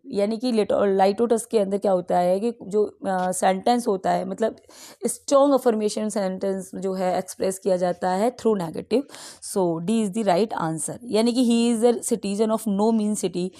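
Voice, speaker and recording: A woman with an Indian accent teaching an exam-prep English lesson. She reads each practice question slowly in English, then explains it in Hindi mixed with English. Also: medium pitch, warm tone.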